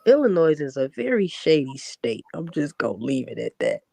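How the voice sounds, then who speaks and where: Speaking as a guest in a relaxed conversation, this Florida-born, Chicago-raised woman has a low, gravelly, dark voice that's a little rough and very animated, at normal speed with no echo. Her Chicago accent leans slightly Southern, and she laughs a lot and repeats words when starting.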